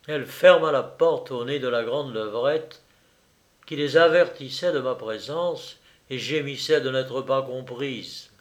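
A man narrating a classic novel in a measured, deliberate reading. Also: medium pitch.

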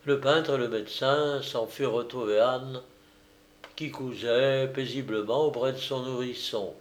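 A man narrating an audiobook of an old detective novel in a slow, deliberate reading voice. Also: mid-range voice, fairly even intonation.

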